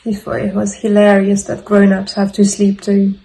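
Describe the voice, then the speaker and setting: An actress playing a grieving mother who makes a halting confession in a dramatic monologue. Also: medium pitch, monotone, mellow, close to an everyday voice, poor audio. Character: grieving mother haunted by her lost child. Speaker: actor in a showreel scene.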